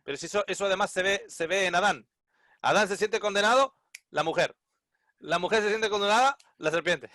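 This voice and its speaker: A man with a Spain Spanish accent teaching a group Bible seminar, lively, repeating his words and calling on participants by name. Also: high-pitched, a little fast, no echo, studio quality.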